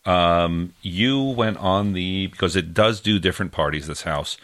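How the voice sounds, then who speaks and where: A man with a very low, deep voice talks casually as a podcast co-host. He rambles, searches for words and trails off often, filling gaps with ums and uhs. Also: a little slow, fairly bright tone. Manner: rambling, trails off with many fillers. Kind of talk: casual chat.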